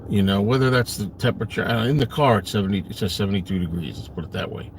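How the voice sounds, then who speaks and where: Talking at a quick pace in a lowish voice, a middle-aged man with a New York Brooklyn accent hosts a live stream from a parked car. He answers viewers casually, rambling and poking fun at himself, with a little hiss or hum in the background.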